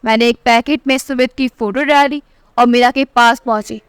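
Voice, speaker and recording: A woman narrating a family story in the first person as a storyteller, reading every character's lines in her own voice and lifting her pitch for the quoted speech. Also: fairly even intonation, normal speed, clear, resonant tone, no echo, studio quality. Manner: reads all the dialogue in one voice, pitch rising for quoted lines.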